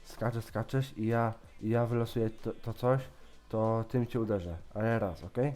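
A YouTuber chats casually while gaming, teasing, joking and playfully mocking as he pranks another player. His voice is lowish and darkish, steady in tone, at a moderate pace.

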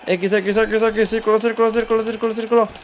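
A man with a Mexican accent giving excitable let's play commentary, swearing a lot and talking to viewers as he plays. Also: high voice, fast talker. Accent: Mexican Spanish. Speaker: gaming channel host.

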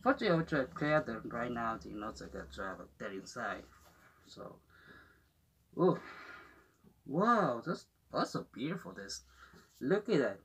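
A man speaking through a gas mask, excitably unboxing and commenting in casual. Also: mid-range voice, moderate pace, pauses often. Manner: excitable, swears and exclaims often. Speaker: unboxing vlogger. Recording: noisy home recording.

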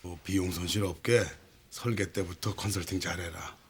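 A man's voice: deep voice, steady tone, normal speed, a little hiss or hum. A man playing a blustery, impulsive middle-aged husband and boss in a Korean TV family drama, speaking brusquely and emphatically. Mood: brisk, bossy.

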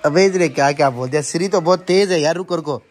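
A man's voice: on the high side, fast. A man hosting a casual family vlog, chatting to his viewers as guys and teasing the children with him while out at the shops. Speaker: family vlogger. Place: out and about at shops and a market.

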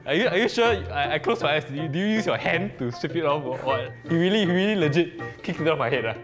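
A man's voice: fairly high pitch, animated, fast talker. A young man with a Singaporean accent hosting a casual comedic interview, bantering playfully in Singlish. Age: young adult. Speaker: comedic interviewer, show host. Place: indoor office studio set. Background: background music.

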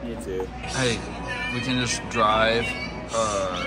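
A man's voice: on the low side, fairly even intonation, slow pace, crowd noise. A man in his thirties chatting easily during a family road trip vlog, recorded in a car from the dashboard, with music underneath. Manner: joking, easygoing. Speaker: vlogger dad. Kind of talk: casual family vlog chat.

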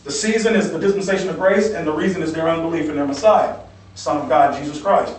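A man's voice: on the high side, quick pace. A male pastor teaching from the Bible in a sermon, repeating key phrases and checking in with "okay?". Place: church sanctuary. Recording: echoey church hall from far off.

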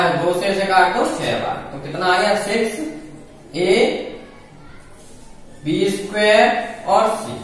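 A man's voice: high voice, a little hiss or hum. A man teaching an exam-prep math lesson, explaining each step and asking and answering his own questions. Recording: echoey room, mic far off.

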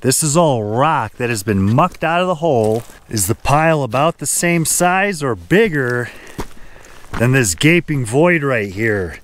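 Slow-talking man exploring a mine outdoors. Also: medium pitch, expressive, slight background noise. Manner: unhurried, thinking aloud while pointing things out. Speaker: gold prospecting vlogger. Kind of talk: outdoor exploration vlog narration. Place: outdoors at an abandoned mine shaft.

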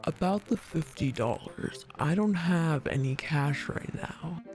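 Game role-play part: young host of the house done by a man, unhurried read-out lines, music underneath. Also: on the high side, lively intonation, voice pushed up. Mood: casual, earnest. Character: young homeowner Jane, casual host to friends. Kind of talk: video game role-play, reading dialogue aloud.

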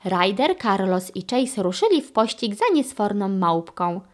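A woman narrating a children's audiobook with expressive storytelling. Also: mid-range voice, a little slow.

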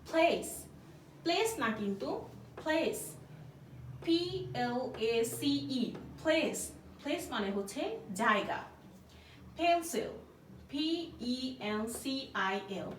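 A woman's voice: sits high, fairly bright tone, recorded from a distance, slight background noise. A woman teaching English vocabulary to Bengali speakers. She spells each word letter by letter, gives its meaning, and asks short checking questions. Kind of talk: slow spelling and vocabulary lesson. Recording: echoey room, voice from off the mic, faint ambience.

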